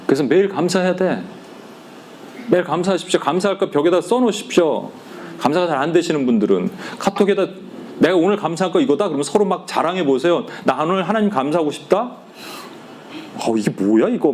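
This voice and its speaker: A man preaching a sermon to a small group, animated, acting out quoted complaints and speaking directly to his listeners. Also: fairly high pitch, slight background noise. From Korea. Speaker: pastor.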